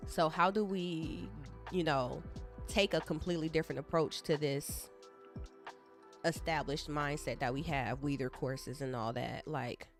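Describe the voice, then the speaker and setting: A woman live-streams her coding and chats to viewers in a loose, rambling, candid and expressive way. Her voice is a bit low and she talks a little slowly, with soft music playing faintly behind her.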